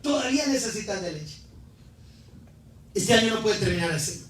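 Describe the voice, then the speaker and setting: A male pastor preaching a sermon, shouting refrains and calling on the congregation to answer. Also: high voice, moderate pace, a little hiss or hum. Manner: animated preaching, shouting refrains, calls for responses. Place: church sanctuary. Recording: echoey church hall, mic at a distance.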